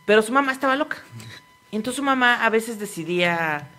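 A woman's voice: on the high side, expressive, a little fast, bright, forceful tone. A woman with a Mexico City Spanish accent, guest on a comedy podcast, telling anecdotes with slang and laughter. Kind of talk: casual comedic chat.

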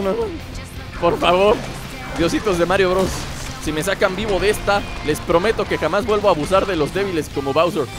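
A young man giving playful, mock-dramatic gameplay commentary full of slangy asides. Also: high-pitched. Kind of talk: joking let's-play commentary. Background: game music.

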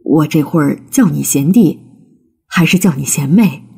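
Woman doing a gentle young scholar. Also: deep voice, moderate pace, gravelly, husky, heavily acted. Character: earnest young male scholar.

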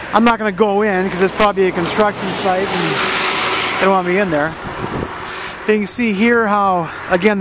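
A middle-aged American man giving a casual, rambling walk-and-talk update, musing aloud into a handheld camera outdoors by a road. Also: high voice. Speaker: public access TV presenter and weatherman. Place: outdoors beside a busy road and construction fence. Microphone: handheld camera at arm's length. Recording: noisy outdoor roadside handheld recording.

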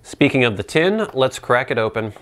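A man in his thirties or forties giving an informal product review to camera, explaining in a measured, casual way with playful asides. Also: mid-range voice, sing-song, a bit bright, a little hiss or hum. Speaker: pipe tobacco reviewer. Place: small indoor set with plain backdrop. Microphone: lapel mic.

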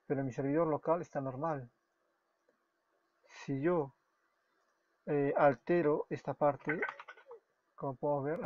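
Brief: Peruvian-accented man, fairly high voice, tutorial narration that stops to correct itself, dull lo-fi sound with typing. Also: no room sound. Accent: Peruvian Spanish. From Peru. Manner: explains step by step, self-correcting, often apologizing. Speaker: web development tutor. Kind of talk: screen-recorded coding tutorial. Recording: dull lo-fi recording with keyboard typing.

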